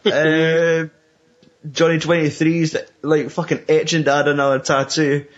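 A man's voice: fairly high pitch, level tone, a little slow. A young Scottish man chatting casually about a film, sweary and rambling, often laughing as he retells scenes. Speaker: podcast co-host. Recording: dull lo-fi recording.

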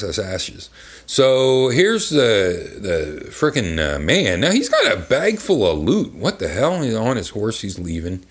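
A man's voice: sits low, husky. Rambling man reading a kids' book aloud. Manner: rambling and crude, many fillers and asides. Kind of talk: comedic live book reading with commentary. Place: bar.

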